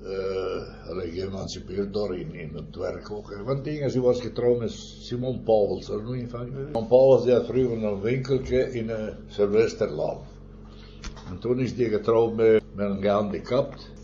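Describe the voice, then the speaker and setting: An older man, a former miner, tells long, rambling stories in an oral history interview, speaking at a normal speed with fairly even intonation in a lowish voice. He keeps adding little tag questions and soft chuckles. The recording is muffled with a faint hiss underneath.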